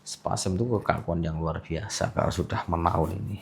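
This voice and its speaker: A man's voice: low voice, steady tone, moderate pace, creaky. A man working as a sports massage therapist, chatting casually during a treatment, teasing and coaxing his patient and laughing often. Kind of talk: casual treatment-session chat.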